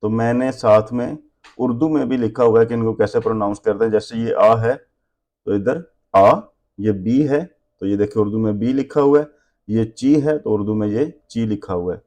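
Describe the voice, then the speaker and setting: A man's voice: on the low side, moderate pace, darkish tone. A man teaching a language lesson, reading letters one by one and then explaining them plainly. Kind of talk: slow spelled-out language lesson.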